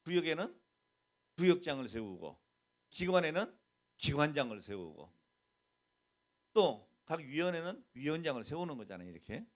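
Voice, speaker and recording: Man, middle-aged, senior pastor, sermon, animated pitch, slightly high voice, questions to the congregation, acted-out quotes. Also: normal speed, pauses often. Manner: conversational preaching, asks the congregation questions; mixes plain talk with quoted mock dialogue.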